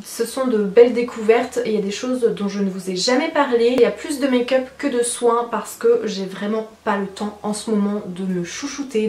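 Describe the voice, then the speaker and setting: A woman's voice: fairly high pitch, a little mellow. A chatty woman from France reviewing beauty products at home while sitting on her bed. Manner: chatty, says she is talkative, frequent fillers. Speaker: beauty vlogger. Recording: echoey room.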